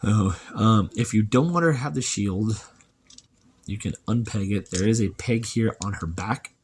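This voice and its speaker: A man casually reviewing a toy, chatty and relaxed, thinking aloud as he handles it. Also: fairly low pitch, normal speed, slight background noise.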